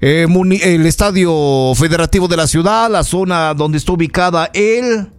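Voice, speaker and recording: A local radio news host with an Ecuadorian accent talks to listeners live, offering indignant opinions with emphasis and repeated phrases. His voice is on the high side, smooth, at normal speed, with no echo.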